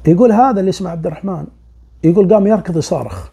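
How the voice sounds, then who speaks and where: A male storyteller who talks quickly and acts out every exchange in his tale. His voice is gravelly and mellow, with a husky, breathy texture, and he sinks into whispers at tense moments. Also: sits high. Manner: lively, acts out dialogue, drops to whispers. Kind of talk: oral storytelling of a spooky tale.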